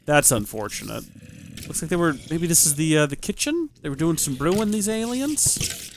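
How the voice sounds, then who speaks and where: A young man hosting a Minecraft let's play, thinking aloud and asking question after question in amazed, animated commentary. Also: fairly high pitch, moderate pace, background noise. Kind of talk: excited gameplay commentary.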